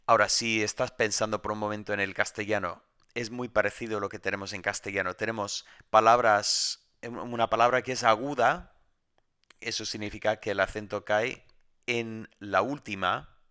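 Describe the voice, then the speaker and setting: A man's voice: lowish voice, steady tone, moderate pace, bright, forceful tone, smooth. A man teaching a recorded Greek grammar lesson from home, explaining step by step and often restarting his sentences.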